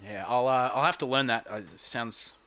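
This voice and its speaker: A man's voice: medium pitch, normal speed, fairly bright tone, no echo. A man hosting a music livestream, chatting casually and reading out viewer comments with a laugh. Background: guitar playing.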